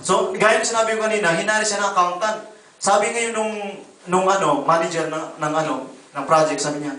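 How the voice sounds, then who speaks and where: A man preaching a sermon as pastor, telling testimonies in an animated way and calling listeners brother and sister. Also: sits high, fairly quick. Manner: animated, voices quoted people, addresses congregation as brother and sister. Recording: echoey room, voice from a distance.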